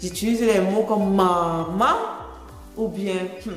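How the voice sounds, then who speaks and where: A woman's voice: mid-range voice, slow pace, echoey room, big-room sound, soft background music. A woman from Cameroon with a Cameroonian French accent, chatting casually as a vlogger, explaining and repeating phrases and laughing often.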